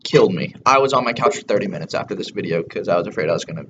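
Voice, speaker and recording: A man's voice: low-pitched, animated, racing, fairly bright tone. A man chatting casually as a co-host in a product review, blunt, crude and slangy, talking with a lip full of chewing tobacco. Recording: dull lo-fi audio with faint background noise.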